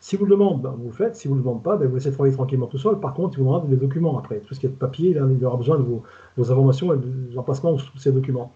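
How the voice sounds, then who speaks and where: Over a dull, lo-fi video call, the older retired food safety inspector with a southern French accent chats as a guest expert in a casual webinar. His mid-range, mellow voice races along in a rambling, colloquial way, full of stumbles and repeated words.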